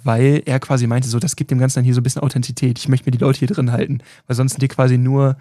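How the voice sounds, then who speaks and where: A man's voice: mid-range voice, flat delivery, very fast, dark tone, dry recording, clean studio sound. A man co-hosting a podcast, telling a story in a casual, hedging way. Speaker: podcast co-host.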